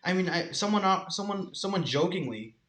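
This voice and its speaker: A man's voice: high voice, lively intonation, a little fast, a bit bright, echoey room. A teenage boy co-hosting a casual chat, playful and given to mock-indignant rants. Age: teens. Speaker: podcast co-host.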